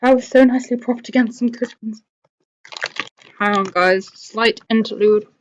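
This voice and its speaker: A woman's voice: fairly high pitch, steady tone, normal speed, lo-fi sound. A woman hosting a live stream with casual, rambling chat to viewers, thinking aloud and often talking herself round. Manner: rambling, thinking aloud, changes own mind.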